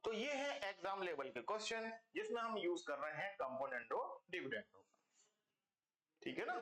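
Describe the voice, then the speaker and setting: A man's voice: sits high, sing-song, a little slow, fairly bright tone, echoey room. A man teaching a math class online, explaining step by step and checking in with his students again and again, calling them kids. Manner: calls students "beta" and "bachcho".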